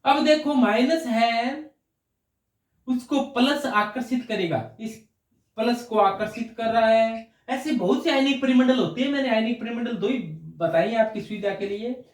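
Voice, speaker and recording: Guy teaching chemistry, kinda high voice, echoey room, mic a bit far off. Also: normal speed. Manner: explains step by step, asks and answers his own questions. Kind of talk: classroom lecture. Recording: roomy echo, voice from off mic.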